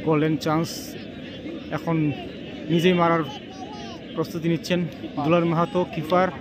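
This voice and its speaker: A man giving excited live football commentary on a penalty shootout outdoors, repeating names and phrases as he goes. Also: on the high side, moderate pace, a crowd in the background. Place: outdoors at a local football ground. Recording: noisy outdoor field with traffic ambience.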